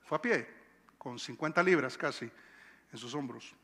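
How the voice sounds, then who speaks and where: A man's voice: mid-range voice, normal speed, bright, forceful tone, husky. A male pastor with a Colombian Bogotá accent, preaching a conversational sermon and repeating phrases for emphasis. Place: church sanctuary. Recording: long church-hall reverb.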